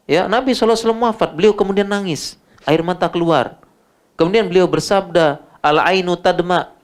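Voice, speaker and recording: A middle-aged man with an Indonesian accent giving an informal religious lecture and answering audience questions, animated and repeating words for emphasis. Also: on the high side.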